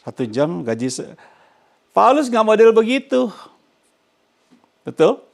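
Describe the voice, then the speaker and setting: An older man preaching a lively sermon as a pastor, animated and often chuckling, dropping English phrases into his talk. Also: sits high, slow pace, gravelly.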